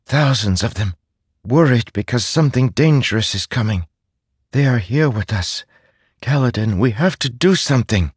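A man's voice: medium pitch, lively intonation, normal speed, husky, no room sound, studio quality, pitched above the performer's own voice. A man voicing a small female spirit who speaks urgently and pleadingly. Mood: worried.

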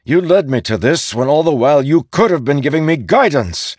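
A man voicing a driven, battle-hardened warlord who speaks forcefully and urgently in an audiobook. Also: deep voice, a little slow, dry recording, studio quality. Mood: frustrated.

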